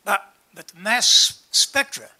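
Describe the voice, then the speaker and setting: A man's voice: high voice, big pitch swings, takes it slowly, sharp tone. An older man in the audience asking probing technical questions at a stand mic.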